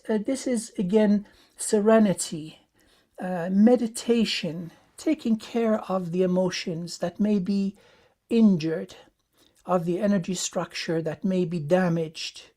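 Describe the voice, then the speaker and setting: Woman doing a rune reading, kinda low soft voice, soothing, lots of ums. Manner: soothing, affectionate, with fillers. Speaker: tarot and rune reader. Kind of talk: spiritual card reading to a viewer.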